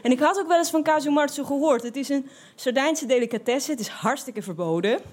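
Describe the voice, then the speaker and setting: Animated woman telling a personal story. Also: high-pitched, a little fast. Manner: lively, expressive, with many fillers and restarts.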